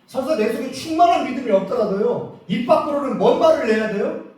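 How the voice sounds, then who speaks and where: A male pastor preaching a lively, joking revival sermon, acting out prayers as he goes. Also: very high voice, brisk. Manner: animated, joking, acts out prayers. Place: church sanctuary. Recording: echoey hall from far off.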